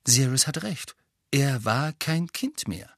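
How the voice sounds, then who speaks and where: A man narrating a novel aloud in an expressive reading style. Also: mid-range voice, takes it slowly, dry recording, clean studio sound. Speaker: audiobook narrator. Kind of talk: scripted narration.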